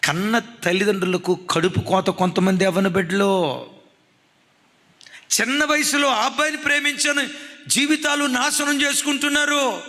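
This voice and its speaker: Male preacher, impassioned sermon storytelling; sharp bright tone, lots of hall reverb. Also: sits high. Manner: impassioned storytelling, acting out quoted voices.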